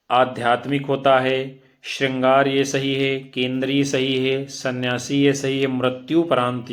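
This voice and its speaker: Slow, deliberate male quiz teacher. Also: mid-range voice. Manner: slow, measured, deliberate syllable-by-syllable reading; addresses students directly, repeats options aloud. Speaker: exam-prep teacher. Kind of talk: reading out and explaining quiz answers.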